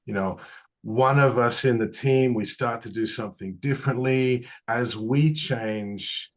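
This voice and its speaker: A man's voice: mid-range voice, unhurried. A man interviewing a guest, reflecting thoughtfully and sometimes searching for words as he builds his questions. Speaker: interviewer, coach.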